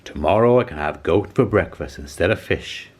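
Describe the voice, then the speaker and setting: A man's voice: deep voice, lively intonation, normal speed, a little mellow. A man voicing a hungry, scheming but easily cowed troll in a children's storybook. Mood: grumbling, satisfied.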